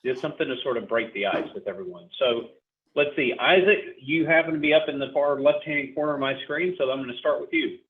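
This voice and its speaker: A fast-talking man with a fairly high voice leads a group sales training session on a video call. He keeps things casual, cheerful and talkative as he turns to each attendee, and the sound comes through thin and phone-like.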